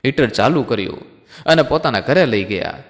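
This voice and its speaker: Expressive male storyteller with room echo. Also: medium pitch, moderate pace. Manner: dramatic, addresses listeners as friends. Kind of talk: emotional story narration.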